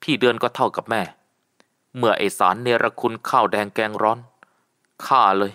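A man's voice: medium pitch, steady tone, normal speed, fairly bright tone, lightly acted. A man voicing a loyal young man who stammers and pleads, in a storybook reading. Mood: pleading.

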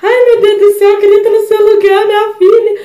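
A young woman voicing her outspoken, frantic middle-aged mother in a loud, pleading tone. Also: high voice, racing, echoey room, lightly acted. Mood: distraught.

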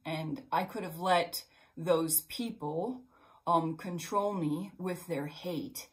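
A middle-aged woman giving a casual spiritual pep talk as a numerology reader, rambling and heartfelt, full of fillers and restarts, often dropping to a soft murmur. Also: lowish voice, poor audio. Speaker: numerology and intuitive guidance reader.

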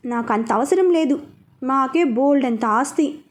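A woman's voice: high-pitched, unhurried. A woman voicing a boastful, idle middle-aged uncle in a storybook reading.

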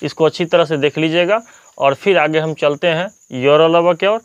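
A man's voice: fairly high pitch, clear, resonant tone, no room sound. Patient male teacher. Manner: slow, patient, repeats each point. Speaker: teacher and channel host. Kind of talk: script-reading lesson.

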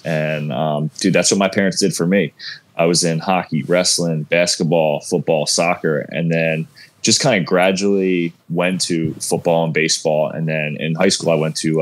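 A deep-voiced man in his thirties with a South Jersey accent, a former athlete, tells his story as a guest on a video call. He's relaxed and rambling, full of fillers, in the casual way of an interview. Behind him is a room at home lined with shelves.

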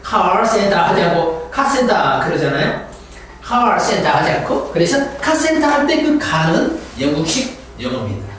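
A man teaching an English lesson, drilling pronunciation and having students repeat words slowly after him. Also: high voice, sing-song, a bit bright, distant mic. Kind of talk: classroom lecture with pronunciation drills. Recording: echoey room, voice from afar, faint hiss.

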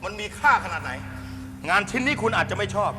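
Grandiose crackpot professor, comedy skit, talks fast and indignant, big echo n music blaring. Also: male voice, sits high, very animated. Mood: wounded, indignant. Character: pompous, touchy crackpot doctor-scientist man. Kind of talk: broadcast sketch comedy acting. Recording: echoey hall, loud music behind.

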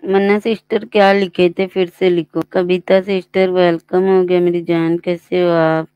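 A woman's voice: on the low side, flat delivery, measured pace, smooth, no echo, dull audio. A woman hosting a live stream, greeting viewers by name one after another and reading their chat messages aloud in a casual way.

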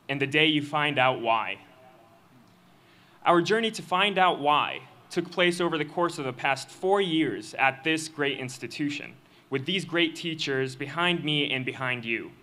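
A young man giving a student speech at a graduation ceremony, reading a prepared text into a podium microphone in an earnest, measured way. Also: a little high, pushed and bright. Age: young adult. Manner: earnest, measured delivery with occasional slips. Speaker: student commencement speaker. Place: outdoor stage of a graduation ceremony.

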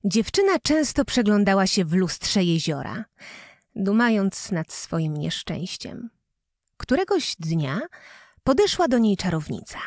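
A woman reading a fairy tale aloud as a storyteller, in an expressive, playful manner. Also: medium pitch, a little slow, no room sound, studio quality.

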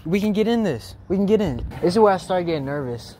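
A man's voice: high-pitched, lively intonation, fast talker. A young man chatting loosely and swearing as he explores an abandoned building. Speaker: explorer vlogger. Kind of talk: casual exploring chat. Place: outdoors in a weedy field and inside an abandoned building. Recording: noisy outdoor camera audio.

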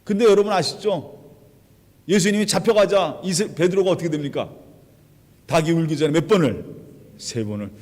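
A male pastor preaching a sermon. He retells stories dramatically and acts out the quoted lines, swinging from quiet to loud. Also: fairly high pitch, animated, moderate pace, pauses often. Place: church sanctuary. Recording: long hall reverb.

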